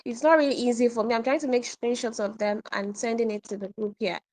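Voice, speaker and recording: Talking fast in a fairly high pitch, a woman runs an online English communication workshop. Her delivery is lively, and she says key points more than once to drive them home.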